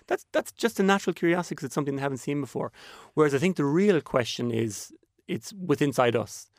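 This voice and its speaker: West of Ireland man, reflective and halting. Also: a little high, lively intonation, no echo, clean studio sound. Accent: west of Ireland, Kerry. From Kerry, Ireland. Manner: reflective, anecdotal, halting with repeated words. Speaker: panel guest. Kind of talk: conversational panel discussion.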